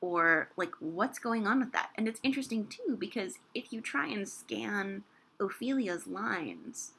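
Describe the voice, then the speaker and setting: A woman giving a casual video lesson on poetic meter, chatty with many fillers, reading verse aloud slowly. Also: mid-range voice, expressive, creaky, pushed and bright, husky. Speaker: literature teacher.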